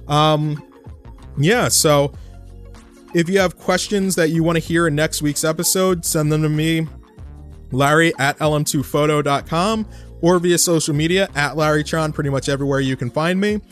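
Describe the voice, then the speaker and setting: A man's voice: on the high side, normal speed, faint music behind. A young man hosting a solo podcast, talking in a loose, chatty way with plenty of fillers and restarts. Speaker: podcast host. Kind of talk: casual solo podcast talk.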